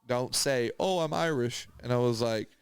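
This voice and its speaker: In a smooth, medium-pitched voice at a moderate pace, a man hosting a podcast chats through anecdotes, vividly performing other people's lines and swearing liberally. No room sound can be heard.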